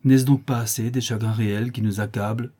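A man reading an audiobook voices a kind, motherly woman who soothes and gently scolds, in a warm, husky voice. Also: on the low side, steady tone, brisk, close to an everyday voice. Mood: soothing.

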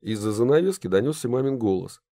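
Male audiobook narrator, mellow lively delivery, dry close mic. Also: medium pitch, fast talker, no room sound. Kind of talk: scripted narration.

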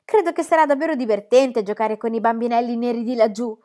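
A woman's voice: a little high, quick pace, lightly acted. Woman reading as a gleeful, boastful little girl. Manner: loud, gleeful and teasing. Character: exuberant carefree young girl, boastful and playful.

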